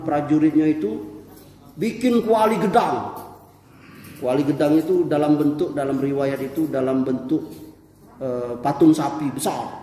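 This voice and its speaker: High-voiced preacher in an echoing hall. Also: male voice. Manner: animated, dramatic, with sound effects and asides to the congregation. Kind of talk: storytelling sermon. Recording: echoey hall with long reverb.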